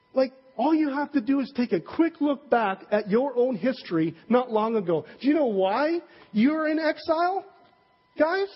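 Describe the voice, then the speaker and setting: A man's voice: very high voice, pitched above the performer's own voice. Fed-up male leader scolding his men, voiced by a preacher, dull lo-fi sound with a long hall echo. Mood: exasperated. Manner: exasperated, scolding, blunt slangy rebukes.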